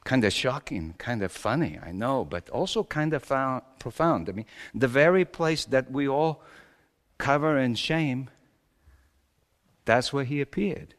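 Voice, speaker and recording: Male performer as wry, exasperated old-world carpenter, comic stage monologue, unhurried and very animated, big reverberant hall. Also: medium pitch, natural voice. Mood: wry, confiding. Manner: theatrical, swinging between hushed asides and shouted exclamations. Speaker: storyteller preaching in character. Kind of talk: comic dramatic monologue to a congregation.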